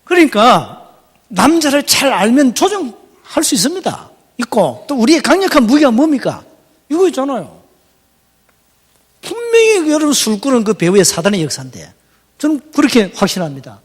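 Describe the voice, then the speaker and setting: A middle-aged pastor, preaching a folksy, teasing sermon. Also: male voice, extremely high pitch, wildly swooping pitch, normal speed, husky, long reverb tail. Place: church hall.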